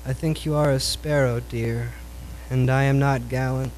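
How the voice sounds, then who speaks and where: A man performing his own poems at a live reading in a cool, measured Beat style, like a beatnik poet. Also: medium pitch, fairly even intonation, darkish tone. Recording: noisy live recording with hum.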